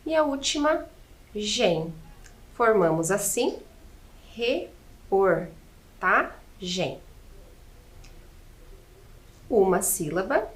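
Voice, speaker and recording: Slow, patient woman teaching children. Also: mid-range voice, fairly bright tone. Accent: Brazilian Portuguese. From Brazil. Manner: counts aloud deliberately, asks rhetorical questions.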